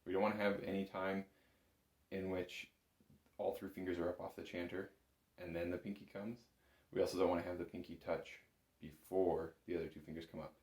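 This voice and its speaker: In a low, slightly mellow voice, a man instructs a music lesson fairly quickly, with flat delivery. He's patient and careful, going step by step. The room is roomy and echoey.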